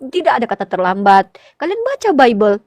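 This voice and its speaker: Woman, religious speaker, high fervent voice, dry close sound, passionate exhortation. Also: big pitch swings, brisk, a little mellow, no room sound. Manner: fervent, pleading, rising to emotional peaks; addresses listeners as brothers in faith.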